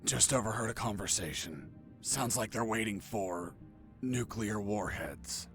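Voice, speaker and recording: An actor playing a wry, deadpan escaped soldier in a video game, delivered like dramatic storytelling. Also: male voice, lowish voice, measured pace, over music, lightly acted. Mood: tense. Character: wry, cool male action hero, escaped soldier prisoner. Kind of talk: video game dialogue and narration.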